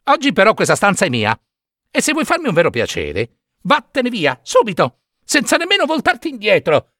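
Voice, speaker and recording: A man's voice: wildly swooping pitch, normal speed, pushed and bright, no room sound, studio quality, exaggerated voice. A man voicing a cheeky, lazy puppet boy who talks back defiantly. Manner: high, bratty and defiant.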